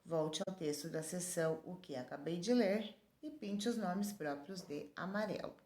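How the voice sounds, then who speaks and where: A woman's voice: on the low side, moderate pace, darkish tone, reverberant. A woman teacher reading a workbook lesson aloud to her pupils, spelling out letters and listing words one by one.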